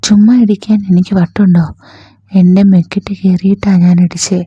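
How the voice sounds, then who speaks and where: Woman as a young guy playing innocent, defensive, husky soft voice. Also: medium pitch, flat delivery, brisk, dry recording, dull audio. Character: young male student, innocent-acting and defiant.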